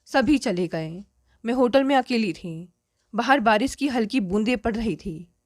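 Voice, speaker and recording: A woman reading a family story aloud in the first person, with steady, earnest storytelling. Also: a little high, measured pace, no echo, studio quality.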